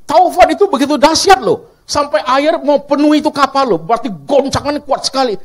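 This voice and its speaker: A man preaching a lively, humorous live sermon, swinging between loud emphasis and hushed asides and often calling his listeners "brothers and sisters.". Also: very high voice, fairly quick. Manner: addresses listeners as "saudaraku"; humorous, acts out characters. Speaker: pastor.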